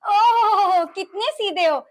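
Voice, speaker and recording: An actress playing a teasing, sharp-tongued young village wife with a Haryanvi accent. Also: female voice, very high voice, slow pace.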